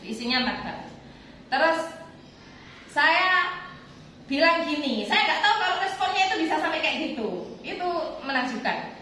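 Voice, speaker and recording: Bright, high-voiced East Javanese woman teaching. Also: very animated, normal speed, pauses often, a little hiss or hum. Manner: chatty, asks rhetorical questions and answers them. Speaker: religious teacher addressing students. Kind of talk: informal religious lesson with a personal story. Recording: echoey room picked up from a distance.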